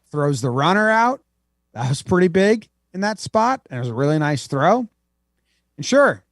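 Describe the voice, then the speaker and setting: This is casual sports talk: a podcast co-host jokes around about baseball. His fairly high male voice comes through a dry, clean studio recording.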